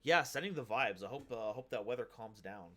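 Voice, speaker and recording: A man's voice: medium pitch, animated, brisk, pushed and bright. A man hosting a casual livestream, upbeat and hype, who reads card text aloud. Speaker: streamer host.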